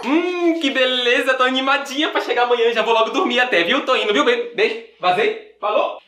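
A man's voice: very high voice, fairly quick, sharp tone, a little hiss or hum. A man voicing a hot-tempered, melodramatic teenage girl who whines and swears. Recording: roomy echo.

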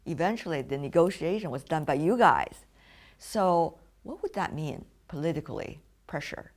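A woman conducting a formal interview, putting long, deliberate questions as the interviewer. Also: low-pitched, animated.

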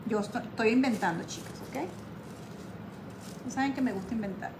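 A woman's voice: on the high side, brisk, noisy background. Chatty woman hosting a live craft stream. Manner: chatty, affectionate, calls viewers "my girls", reads comments aloud. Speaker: craft livestream host. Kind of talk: casual live craft tutorial chat.

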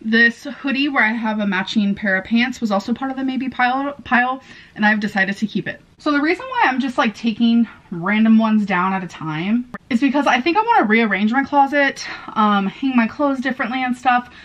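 A woman's voice: on the high side, animated, a little fast, a bit bright, highs cut off. A young adult woman chatting casually to her viewers as she vlogs indoors at home. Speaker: vlogger. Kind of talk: casual vlog chat. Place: indoors at home, kitchen and rooms.

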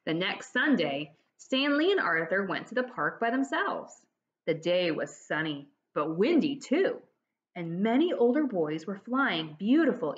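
Speaking directly to her pupils, an animated woman teacher reads a children's storybook aloud in a mid-range voice, explaining things expressively as she goes. She's indoors in a home dining room, and the dull lo-fi webcam audio carries a little hiss or hum.

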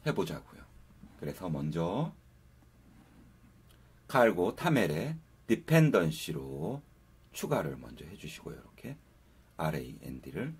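Sitting low in pitch with a darkish, slightly rough tone, a programming instructor talks viewers through each step of an informal coding tutorial recorded over his screen.

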